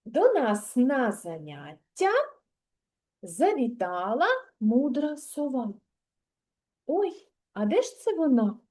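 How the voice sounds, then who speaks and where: A woman with a Ukrainian accent leads a lesson for small children. Her high voice swoops up and down in a sing-song way. She speaks slowly and coaxingly, drawing out each word. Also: big pitch swings, mellow. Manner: sing-song, drawn-out and coaxing, reciting rhymes. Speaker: kindergarten teacher.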